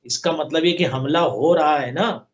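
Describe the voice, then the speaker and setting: A male religious scholar on a live program, slowly reciting Arabic lines and then explaining them in long rhetorical lists of parallel phrases. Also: fairly high pitch, lo-fi sound. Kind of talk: sermon commentary on a live TV program.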